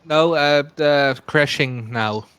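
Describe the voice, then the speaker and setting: A man's voice: a little high, slow, clear, resonant tone. A man joining a casual stream chat, dropping in short remarks. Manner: lively, talks in short remarks.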